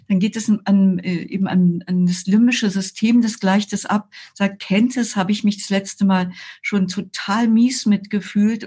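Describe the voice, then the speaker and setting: Older female yoga teacher, husky, measured guest explainer. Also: medium pitch, darkish tone. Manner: slow, measured explaining with frequent hesitations. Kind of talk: explanatory interview talk.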